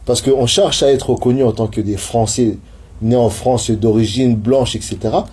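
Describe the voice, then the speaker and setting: A man in a relaxed panel discussion, raspy-voiced, asking questions and agreeing often. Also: mid-range voice, moderate pace. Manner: questioning, frequent "ouais" agreement.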